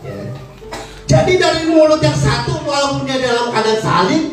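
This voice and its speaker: A male preacher, giving a lively sermon and acting out characters in slangy voices. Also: extremely high pitch, moderate pace. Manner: animated, acts out characters in slangy voices, laughs often. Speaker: evangelist preacher. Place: church hall. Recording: echoey church hall, voice from far off, music behind.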